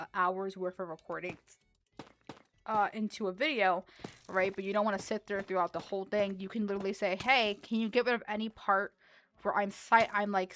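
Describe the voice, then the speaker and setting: A woman's voice: medium pitch, fairly bright tone, a little hiss or hum. A young woman streamer chatting casually while playing a game, rambling with frequent restarts and laughs. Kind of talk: casual livestream chat while gaming.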